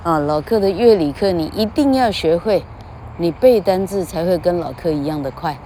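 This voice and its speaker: A woman's voice: fairly low pitch, animated, moderate pace, mellow, slight background noise. A woman giving a comedic mock English lesson, lecturing and singing out long drawn vowels. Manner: lecturing, sings out drawn vowels, tags lines with "哈".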